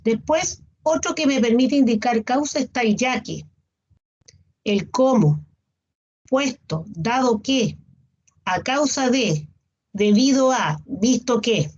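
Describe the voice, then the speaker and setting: A woman's voice: a little high, lively intonation, takes it slowly, long pauses, darkish tone, breathy edge. A woman teacher gives an online class, patiently listing examples and often checking in with her students. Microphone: video call. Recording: dull lo-fi video call audio.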